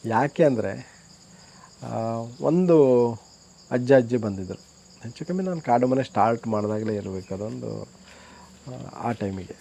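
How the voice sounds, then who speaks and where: A man's voice: medium pitch, measured pace, vocal fry, long pauses, dark tone. A man who runs a homestay, earnestly telling stories of his guests in a casual interview. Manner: earnest, reflective storyteller. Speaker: homestay owner.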